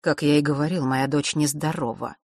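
A woman's voice: low-pitched, steady tone, fairly quick, a little mellow, no echo, studio quality. A woman voicing an irritated, stern middle-aged father who speaks curtly, in an audiobook. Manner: curt, irritated.

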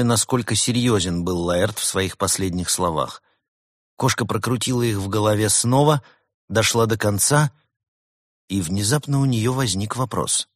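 Low-voiced male audiobook narrator. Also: dry recording, clean studio sound.

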